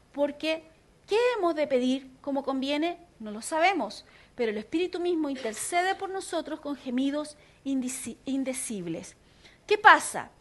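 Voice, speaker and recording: A middle-aged woman pastor with a Chilean Spanish accent, teaching a sermon in an animated, conversational way with jokes. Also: sits high.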